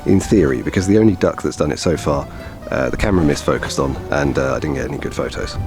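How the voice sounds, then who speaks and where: Over music, a man in his thirties speaks at a quick pace in a rumbling low voice, covering photography technique as he walks a grassy wetland path. He's a wildlife photographer making an outdoor vlog tutorial, sounding slightly tired and gesturing along. Outdoor noise includes chainsaws and traffic far off.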